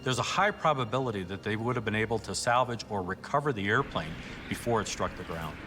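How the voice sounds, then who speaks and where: A man giving measured, technical explanations as an expert in a documentary interview. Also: lowish voice, animated. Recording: long reverb, music underneath.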